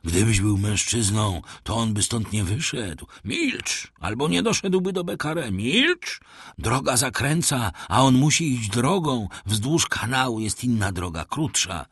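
A man putting on a shrill, scheming innkeeper's wife. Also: sing-song, unhurried, fairly bright tone, husky, no room sound, clean studio sound, heavily acted. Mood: sinister. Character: greedy scheming innkeeper's wife, middle-aged. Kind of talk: audiobook character voice.

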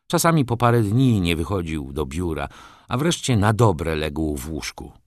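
Deep-voiced man narrating an audiobook. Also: very animated, moderate pace, no echo, clean studio sound. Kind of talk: scripted literary narration.

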